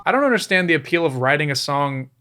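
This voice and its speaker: A man's voice: fairly high pitch, big pitch swings, fast talker, loud music behind the voice. Sarcastic man reviewing old records. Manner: sarcastic, exasperated asides. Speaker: reviewer, video host. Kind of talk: comedic review commentary.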